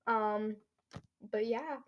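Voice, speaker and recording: A woman's voice: a little high, drawn-out words, highs cut off. A teenage girl talking alone into her podcast mic in a loose, chatty way. She rambles, leans on fillers, and often loses her train of thought before picking it back up. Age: teens. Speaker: podcast host. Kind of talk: casual solo podcast chat.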